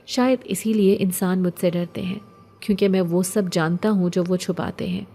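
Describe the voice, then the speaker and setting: A soft-spoken ancient male jinn, voiced by a woman narrating a horror storybook. His words come slow and poetic, meant to console. The tone is mellow and warm rather than bright. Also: lowish voice, creaky, faint music behind. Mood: calm, tender.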